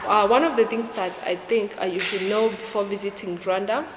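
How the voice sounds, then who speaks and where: A young Kenyan woman, appearing as a YouTuber guest, chats casually in an interview with plenty of fillers. Her mid-range voice is fairly quick, set against a noisy background in an echoey room with long reverb.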